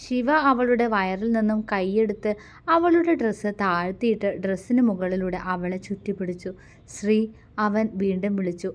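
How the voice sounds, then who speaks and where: A woman's voice: mid-range voice, normal speed. Woman narrating a romance story.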